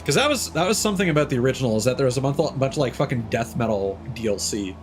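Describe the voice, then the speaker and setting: Streaming a video game, a man rattles off rambling, offhand commentary full of fillers and casual swearing. His mid-range voice is rapid-fire with lively intonation, and guitar music from the game's soundtrack plays behind him.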